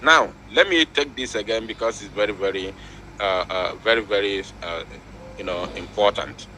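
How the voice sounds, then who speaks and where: A man hosting a political breaking news broadcast, reading out announcements and commenting with deliberate, emphatic repetition. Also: on the low side, bright, forceful tone, slight background noise, poor audio. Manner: emphatic, deliberate, repeating words for weight.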